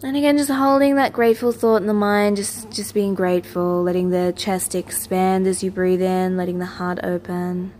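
A woman with a mid-range voice narrates a guided meditation. She is soothing and gentle, repeating soft instructions in a lulling way. Faint ambient noise sits behind her voice. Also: medium pitch, level tone, normal speed, few pauses. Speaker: meditation teacher, host of a daily guided meditation.

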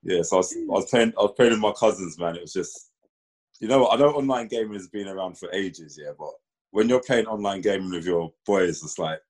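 Casting: male, London roadman accent, low slightly rough voice, slangy storyteller among mates. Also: brisk. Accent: London roadman, multicultural urban slang. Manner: slangy, animated storytelling with 'bro' and 'man'. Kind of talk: casual group chat.

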